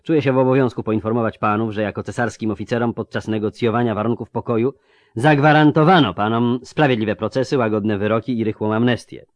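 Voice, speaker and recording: Stern imperial officer, formal and loud, read by a male narrator. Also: medium pitch, steady tone, fast, no echo, pitched above the performer's own voice, close to an everyday voice. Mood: cold. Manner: shouting orders, then cold and formal.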